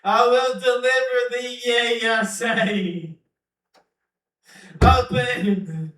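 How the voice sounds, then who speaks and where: A man's voice: high-pitched, fairly even intonation, very slow, fairly bright tone. A man delivering a prophetic utterance in archaic King James phrasing, chanting and repeating himself as he breaks into speaking in tongues. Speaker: preacher. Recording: echoey room from far off.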